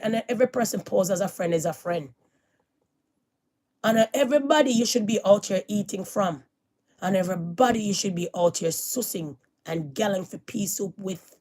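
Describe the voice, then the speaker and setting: Speaking in a medium pitch, this middle-aged vlogger lectures her viewers in a casual, preachy way. She leans on repetition for emphasis and shifts between booming statements and quiet warnings.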